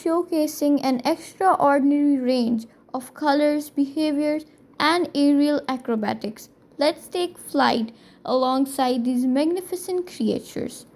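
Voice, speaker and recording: A woman's voice: high voice, dark tone. A woman reading scripted documentary narration as host of a nature video, in an earnest, presentational manner.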